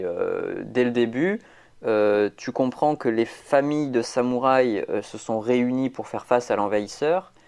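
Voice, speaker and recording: Man, podcast host, casual chat, low-pitched voice, lots of fillers and restarts. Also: darkish tone, clean tone. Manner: rambling, many fillers and restarts.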